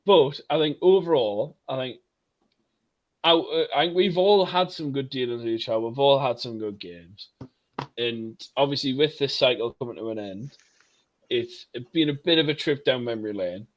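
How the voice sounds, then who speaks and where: Chatty, teasing podcast host. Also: male voice, mid-range voice, moderate pace, low-quality recording. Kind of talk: casual chat.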